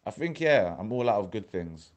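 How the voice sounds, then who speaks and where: A young man with a London accent, hosting a casual chat on a voice call, animated and swearing, often talking over his co-host. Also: lowish voice, moderate pace, lo-fi sound. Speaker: podcast host.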